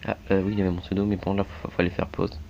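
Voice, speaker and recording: A man's voice: deep voice, flat delivery, racing, creaky, warm tone. A man from France giving casual, rambling commentary while playing a mobile game, full of fillers and repeated tags. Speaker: gaming YouTuber. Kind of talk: casual let's-play commentary. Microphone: phone screen recording mic. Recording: dull lo-fi audio with faint background hiss.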